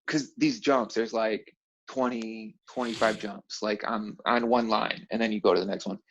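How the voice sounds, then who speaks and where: A man with a lowish, steady voice at normal speed spins lively stories in a casual conversation, full of slang and swearing and quick laughter. The audio sounds like a muffled, low-fidelity phone call.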